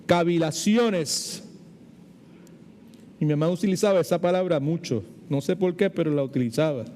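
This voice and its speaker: Puerto Rican pastor in a reverberant hall. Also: male voice, a little high, moderate pace, mellow, a little hiss or hum. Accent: Puerto Rican Spanish. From Puerto Rico. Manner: chatty, digressive, mixes English words into Spanish. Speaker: pastor teaching a Bible study. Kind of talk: informal sermon teaching.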